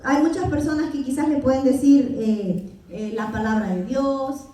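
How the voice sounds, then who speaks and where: A woman's voice: sits high, normal speed, mellow. A Salvadoran woman teaching a church Bible class, quizzing her listeners and answering with amen. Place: church hall. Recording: echoey church hall from far off.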